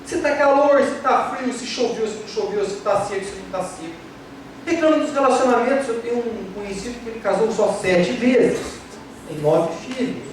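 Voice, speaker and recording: A Brazilian physician lectures on spirituality and health in a very high voice at a moderate pace, firing off rhetorical questions and acting out complaining patients. The recording, made from far off in an echoey hall, has background noise.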